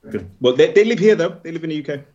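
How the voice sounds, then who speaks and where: A man's voice: on the high side, animated, quick pace, a little mellow. Hesitant man, dull lo-fi sound. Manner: hesitant, many fillers and repeats. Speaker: film director. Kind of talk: casual interview answers.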